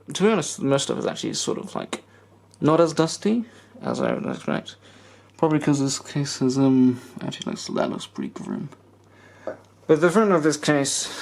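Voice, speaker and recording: A man's voice: medium pitch, creaky. A man chatting casually as he shows off his computer, hesitant and trailing off often. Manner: hesitant, lots of ums and trailing off. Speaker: tech vlogger. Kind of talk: casual chat while showing his computer.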